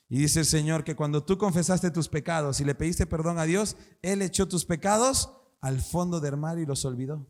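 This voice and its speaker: A male pastor preaching a sermon, asking rhetorical questions and building up to passionate shouts. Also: a little high, big-room sound.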